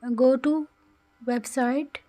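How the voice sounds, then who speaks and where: A woman's voice: high-pitched, fairly even intonation, takes it slowly, mellow, faint music behind. A woman narrates a coding tutorial in a careful, instructional way, with phrasing. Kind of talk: scripted screen-recorded tutorial narration.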